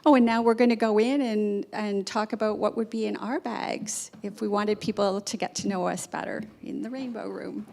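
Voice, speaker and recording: A woman with a pronounced gravelly fry speaks to a congregation. Her thanks are effusive and heartfelt. Her pitch stays in a middle range. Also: steady tone, moderate pace, hardly any pauses, darkish tone. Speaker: congregation member introducing staff.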